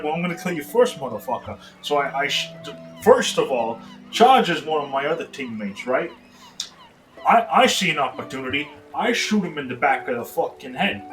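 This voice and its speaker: A man's voice: mid-range voice, expressive, a little fast, few pauses, recorded from a distance, faint music behind, lightly acted, rough recording. Man putting on a swaggering foul-mouthed rogue. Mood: boastful. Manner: rambling, profane, laughing through it. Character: brash swearing male rogue with a drifting accent. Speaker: player. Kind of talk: in-character tabletop role-play.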